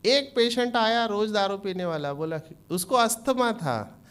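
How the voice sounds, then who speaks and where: Man, doctor, informal lecture, quizzes the audience, high voice. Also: unhurried, a bit bright, clean tone. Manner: keeps quizzing the audience with questions. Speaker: doctor giving a training lecture.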